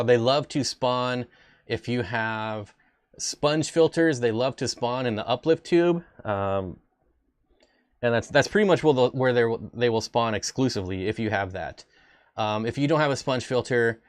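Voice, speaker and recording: A man's voice: medium pitch, no echo. A man hosting a casual fish-keeping stream, rambling with jokey, self-deprecating asides. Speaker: aquarium channel host. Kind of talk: casual livestream chat.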